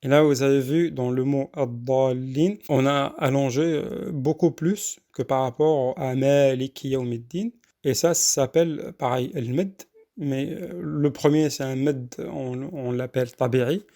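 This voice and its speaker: A man teaching Quran recitation rules, explaining haltingly with fillers between slow, drawn-out recited verses. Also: medium pitch, steady tone, warm tone. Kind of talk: tajwid lesson with recitation.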